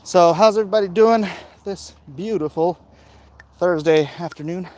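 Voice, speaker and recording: A comic book creator hosting a vlog talks as he walks outdoors, his high voice a little mellow and at a normal speed. He rambles in a relaxed way with jokes along the way, over the sound of the street and passing traffic.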